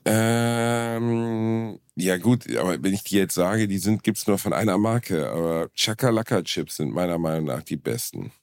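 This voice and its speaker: A young man with a low, gravelly voice banters on a podcast in an ironic, mock-pompous manner. He likes grand, wordy phrasing. The recording is dry and close. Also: a little slow, dry recording. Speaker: podcast co-host. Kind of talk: casual comedy chat.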